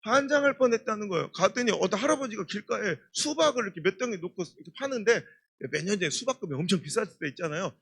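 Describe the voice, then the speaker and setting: A middle-aged man preaching a revival sermon, telling stories in an emphatic, animated way. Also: high voice, racing, vocal fry, slightly rough. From Chungcheong, Korea. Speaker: guest pastor.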